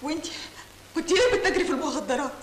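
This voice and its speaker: A woman's voice: high voice, racing, reverberant, a little hiss or hum, close to an everyday voice, low-quality recording. An actress with an Egyptian accent playing a young policewoman who emotionally confronts her mother. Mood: pleading. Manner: emotional, pleading. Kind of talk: film drama acting.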